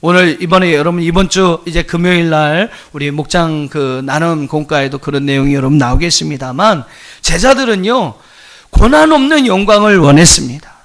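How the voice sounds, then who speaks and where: Male pastor, pretty high voice, preaching hard, keeps asking the crowd questions. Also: moderate pace, a bit bright. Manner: emphatic, repeatedly addresses the congregation directly; asks rhetorical questions, jokes with the congregation. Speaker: senior pastor. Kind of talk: sermon.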